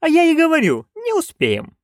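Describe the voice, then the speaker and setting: A male reader voicing a loud, bossy old witch woman who shrieks and scolds. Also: extremely high pitch, huge pitch swings, normal speed, dry recording, studio quality, voice pushed up, exaggerated voice. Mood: grumbling.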